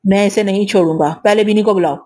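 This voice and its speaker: A woman's voice: medium pitch, fairly even intonation, darkish tone, close to an everyday voice. A woman reading the first-person hero of an audio novel, a defiant young man speaking firmly and with contempt. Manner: firm, contemptuous.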